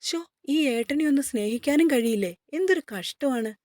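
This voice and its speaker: A woman's voice: a little high, animated, moderate pace, a little mellow, no echo, clean studio sound, close to an everyday voice. A woman reading as a cheeky younger sister. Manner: playful, whiny.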